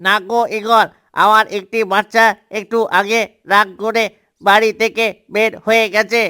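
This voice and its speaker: A man's voice: high-pitched, little pitch movement, moderate pace, sharp tone, smooth. A man voicing a father duck who speaks steadily while searching for his lost duckling. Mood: worried.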